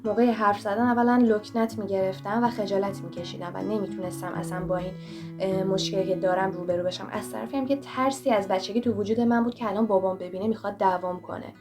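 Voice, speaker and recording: A young woman vlogger giving motivational advice, talking straight to the viewer in a direct, coaching way. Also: mid-range voice. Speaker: self-help vlogger. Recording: voice over clear background music.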